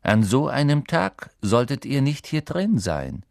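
A man reading aloud, voicing a stern, snide male schoolmaster with a slow, silky, mocking delivery. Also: medium pitch, sing-song, vocal fry, a little mellow, dry recording, clean studio sound, heavily acted. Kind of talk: audiobook character voice.

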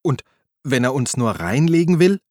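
A man's voice: mid-range voice, very animated, normal speed, a little mellow, no room sound, studio quality, pitched above the performer's own voice, natural voice. A man voicing a petulant male police partner in an audiobook, whiny and defensive. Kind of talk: audiobook character voice.

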